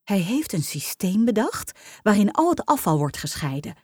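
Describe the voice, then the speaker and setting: A woman reading a children's story aloud in the first person, lively and expressive. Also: medium pitch, normal speed, slightly rough, dry recording, studio quality.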